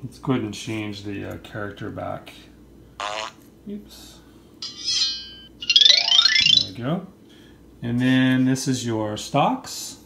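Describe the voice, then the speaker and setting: A man's voice: lowish voice, takes it slowly, creaky, long pauses, over loud music. A man presenting a casual hands-on tutorial in an informal, explanatory way. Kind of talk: casual hands-on product demonstration. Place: indoor room, at a table. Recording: roomy with faint background noise.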